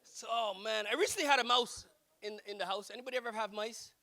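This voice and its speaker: A young Jamaican man performs a stand-up comedy set at a wedding reception on a handheld mic. He speaks fast in a high-pitched voice, telling animated stories and laughing at his own jokes, and the recording is dry.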